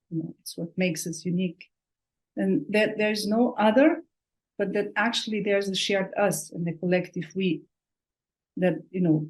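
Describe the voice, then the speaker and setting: A woman from Austria giving a prepared online talk as a researcher, speaking thoughtfully and often pausing on fillers and restarts. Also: medium pitch, a little mellow, low-quality recording.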